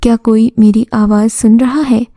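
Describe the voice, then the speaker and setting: A woman's voice: a little high, fairly even intonation, moderate pace, mellow, no echo, close to an everyday voice. A woman voicing an anxious father, a poor cobbler, in a storybook tale, pleading with his daughter.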